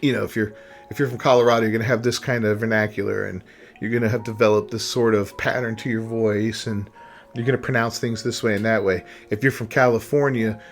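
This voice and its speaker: A man's voice: lowish voice, steady tone, fairly quick, faint music behind. A man hosting a gaming channel, giving casual opinion commentary in a rambling way, often tagging on "right?" and "you know".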